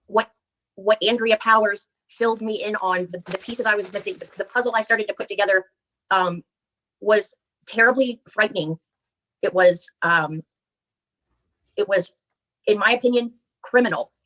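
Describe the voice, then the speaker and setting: A woman testifying as a witness in court, speaking in a measured, earnest way. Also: medium pitch, pushed and bright, poor audio. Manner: measured, earnest, halting with fillers.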